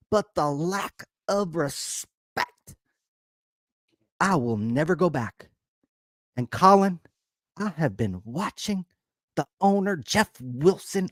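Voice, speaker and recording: Man putting on a drawling, slow Southern complainer. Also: sits high, no room sound, studio quality, pitched above the performer's own voice. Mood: indignant. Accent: put-on Southern US. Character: grumbling middle-aged Southern man complaining about a card shop.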